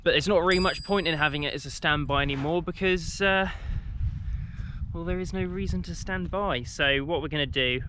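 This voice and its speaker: A young Englishman on a country walk chats to a handheld camera, rambling with plenty of ums and restarts. His voice is a little high, fairly quick, pushed and bright, with slight background noise.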